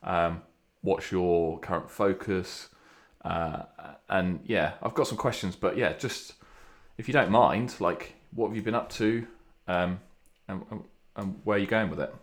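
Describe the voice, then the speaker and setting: A man with a low-pitched voice chats as a podcast co-host. His delivery is casual and conversational. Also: measured pace.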